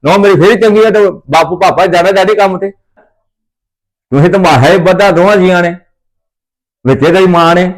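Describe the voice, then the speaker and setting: A man's voice: sits high, fairly quick, pauses often, natural voice. A man playing an older father-in-law in a family comedy skit, who rants, repeats himself and threatens his son. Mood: ranting. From Punjab, India. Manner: ranting, repetitive, threatening.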